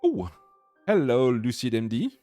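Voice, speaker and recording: A man from France with a French accent chats casually as a livestream host, sometimes halting as he searches for words. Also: mid-range voice, sing-song, mellow, faint music behind.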